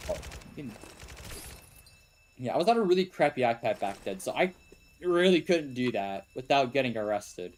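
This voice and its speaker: Young Texan man, game streamer, casual and chatty, very animated intonation. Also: mid-range voice, normal speed, long pauses. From Texas. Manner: rambling, answers chat, laughs often. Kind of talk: casual live-stream chat.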